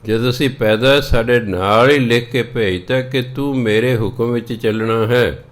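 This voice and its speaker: A man with a Punjabi accent explaining scripture in a sermon, chanting verses slowly and stopping to correct how words are pronounced. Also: medium pitch. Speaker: Sikh scripture preacher.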